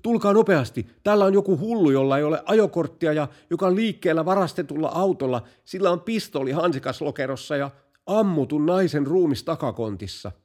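A man's voice: medium pitch, sing-song, a bit bright. A man voicing an alarmed male motorcycle policeman in a told joke, stern at first and then calling for help in a panic. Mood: panicked.

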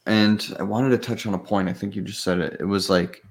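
Young male podcast host, lower voice, relaxed chat, quick to laugh. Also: vocal fry. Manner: laughs easily, leads topics. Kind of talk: casual sports chat.

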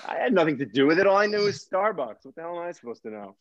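A man tells a story with breathless, animated energy, leaning on "like" as he goes and slipping into the voices of the people in it. The sound is dry and close, with a slightly muffled, lo-fi tone. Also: on the high side, racing, no room sound. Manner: excitable, heavy use of "like", acts out voices. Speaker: podcast co-host telling a guest story.

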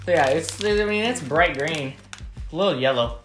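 A man chatting casually as he tastes hot peppers, with breathy reactions to the heat. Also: fairly high pitch, lively intonation, normal speed, a bit bright. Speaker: vlog co-host. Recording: echoey room with music under it.

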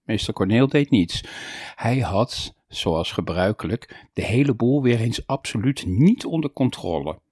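Husky man reading a children's story. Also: lowish voice, unhurried, dry recording, studio quality. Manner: lively reading, raising his voice for the children's lines.

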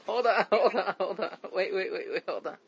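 A man's voice: high-pitched, a little fast, gravelly, breathy edge, muffled recording. A man hosting a casual chat, rambling with frequent stammered restarts. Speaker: host.

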